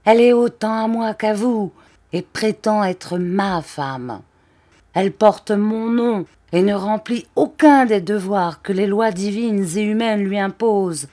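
A woman reading the lines of a ranting, paranoid middle-aged count in a novel, shouting bitter accusations. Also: mid-range voice, unhurried, voice pushed up, close to an everyday voice. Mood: raging.

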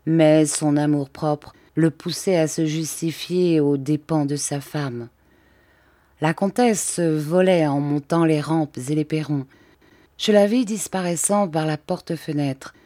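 Brief: female audiobook narrator, low mellow voice, measured literary reading, dry close mic. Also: no room sound. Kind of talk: scripted narration of a classic novel.

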